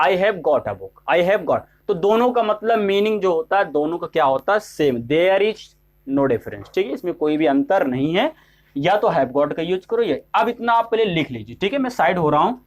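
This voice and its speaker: A man's voice: high voice, expressive, moderate pace. A male English teacher giving a classroom-style grammar lesson, asking questions and answering them himself, and checking often that students follow. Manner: repeats "ठीक है?" to check on students.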